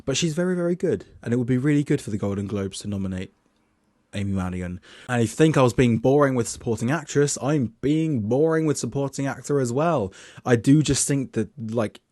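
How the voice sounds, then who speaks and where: Reading his film award predictions from notes, a young man speaks loosely and chattily, restarting often. His medium-pitched voice is expressive, brisk, and a little mellow, captured in clean studio sound with no room sound.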